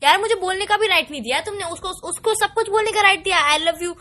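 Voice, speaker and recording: Fast, high-pitched scolding woman. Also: sharp tone. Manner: angry, scolding and sarcastic. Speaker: girlfriend on a call. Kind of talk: acted couple phone call.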